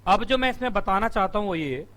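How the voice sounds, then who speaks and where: A man teaches company law to a live classroom through a room mic. His voice is high and bright. He fires quick questions at the students, answers them himself, and sounds strained from shouting. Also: lively intonation.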